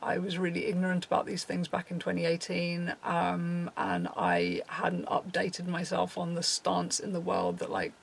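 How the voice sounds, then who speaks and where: A man's voice: high voice, moderate pace, creaky, hardly any pauses, slight background noise. A young man earnestly addressing his viewers in a serious apology video. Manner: earnest, reads from a prepared script. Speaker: channel host.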